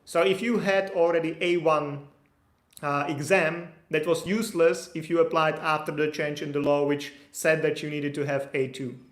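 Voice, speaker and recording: On a live stream in an echoey room, a man in his thirties, an immigration consultant, reads out viewer questions from the chat and answers them loosely and chattily, full of fillers and restarts. His voice is a little high, with fairly even intonation at normal speed.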